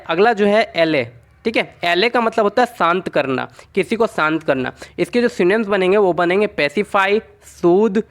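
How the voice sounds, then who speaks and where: Male tutor with a high voice; chatty mnemonic lessons, answers his own questions. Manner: repeats "okay" often, asks and answers his own questions; explains through short made-up stories. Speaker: exam-prep teacher.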